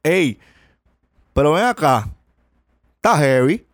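A man voicing an insistent Cuban male caller who keeps making loud, pleading, repetitive demands, with a put-on Cuban accent. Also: fairly high pitch, sing-song, slow pace, no echo, clean studio sound, pitched above the performer's own voice.

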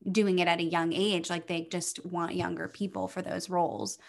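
A woman's voice: fairly low pitch, level tone, normal speed, vocal fry. A woman in her thirties co-hosting a podcast, chatting casually, laughing often and trailing off with fillers. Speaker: podcast co-host. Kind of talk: casual chat.

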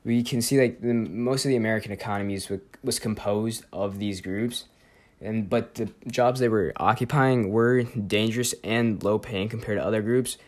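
Speaking at normal speed with fairly even intonation, a teenage boy with a fairly low voice hosts a student podcast. He works through a history topic in a loose, rambling style, packed with fillers and self-corrections, in a casual presentation-and-interview format.

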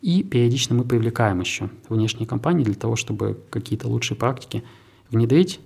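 A tech park's head fields interview questions in an animated way, though his delivery stays measured and businesslike. He has a low, gravelly, husky voice with dark timbre and occasionally restarts his phrases.

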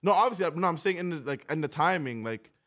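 A man's voice: on the high side, lively intonation, fast, fairly bright tone. Young man, slangy and casual. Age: young adult. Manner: street slang, informal. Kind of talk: casual chat.

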